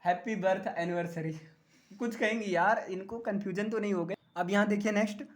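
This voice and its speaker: A man's voice: sits high, steady tone, fast talker. A man teaching English grammar in a classroom lecture. He jokes often and keeps checking that the students understand.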